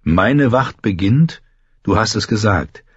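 A man voicing a quick-witted young male recruit who reasons earnestly, in an audiobook reading. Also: on the low side, animated, husky, dry recording, pitched above the performer's own voice, exaggerated voice. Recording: muffled lo-fi, dry.

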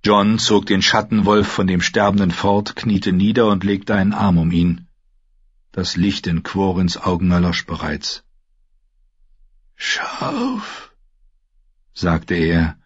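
A man reading a fantasy novel aloud as scripted narration, steady and measured. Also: sits low, husky, no room sound, muffled recording. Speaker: audiobook narrator.

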